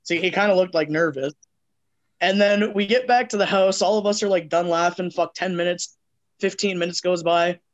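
A man's voice: high-pitched, normal speed, lo-fi sound. A man co-hosting a casual drinking podcast, telling a rambling profane story full of fillers. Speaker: podcast co-host.

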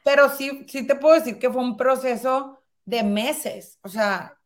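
Woman, 30s, slightly high voice, lively storyteller. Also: measured pace. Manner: lively, acts out past dialogue. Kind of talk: personal storytelling in conversation.

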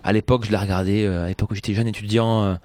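A man's voice: fairly low pitch, flat delivery, racing, darkish tone, dry recording, clean studio sound. A man on a talk-show panel chatting casually, stumbling and repeating words as he goes. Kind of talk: casual chat.

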